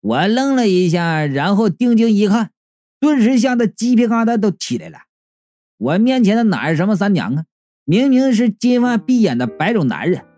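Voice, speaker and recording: A man's voice: high voice, no room sound. A man reading a comic first-person story aloud in a playful manner, acting out the dialogue. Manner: lively, playful, acts out dialogue. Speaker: audiobook narrator.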